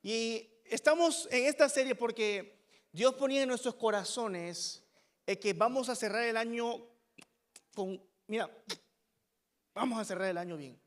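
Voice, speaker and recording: A man preaching a sermon with a high, ringing voice that carries through a church sanctuary, its long reverb trailing each phrase. He is emphatic and keeps putting rhetorical questions to his congregation. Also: a little slow, long pauses. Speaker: pastor.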